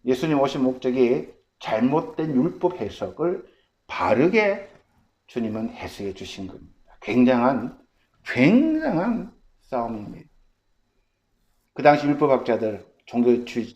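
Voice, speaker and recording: Male pastor, sermon delivery: lively, swooping preacher's voice, emphatic rhetorical questions, dull muffled recording. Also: mid-range voice, normal speed.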